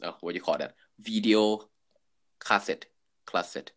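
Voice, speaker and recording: A man in his twenties with a Thai accent chatting casually, often pausing to search for words. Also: lowish voice, fairly bright tone. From Thailand. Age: 20s. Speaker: conversational co-host. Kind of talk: casual chat.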